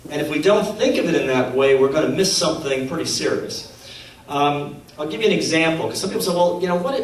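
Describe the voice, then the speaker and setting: A middle-aged man telling stories to an audience, acting out the quotes and laughing at his own jokes. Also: fairly high pitch. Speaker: speaker at a faith conference. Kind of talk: storytelling talk to an audience. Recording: very echoey hall, mic at a distance.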